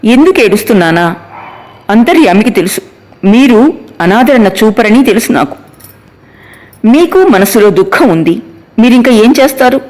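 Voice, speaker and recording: A man voicing a devoted young wife who pleads through tears in an audiobook, his voice raised high and sobbing. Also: very animated, normal speed, long pauses. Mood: tearful pleading. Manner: pleading, breaking with sobs. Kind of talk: audiobook character voice.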